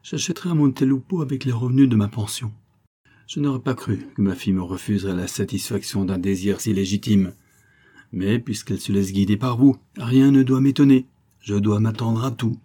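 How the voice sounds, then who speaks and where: A man's voice: on the low side, fairly quick, mellow, slightly rough. A man reading aloud, voicing a greedy, scheming older countess who speaks in indignant reproaches.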